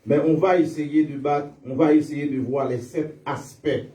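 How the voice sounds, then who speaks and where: A man preaching a sermon in church, calling out to his congregation for responses and reading scripture slowly and emphatically. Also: a little high, fairly even intonation, mellow. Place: church sanctuary. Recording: echoey hall, distant dull mic.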